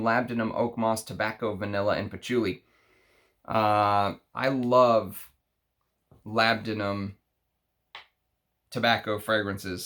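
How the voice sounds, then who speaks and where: A man with a Texas accent chatting unscripted through an unboxing, halting and thinking aloud as he reads out names. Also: on the low side, fairly bright tone. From Texas, United States. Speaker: fragrance review show host. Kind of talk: unscripted unboxing chat, reading out names and notes.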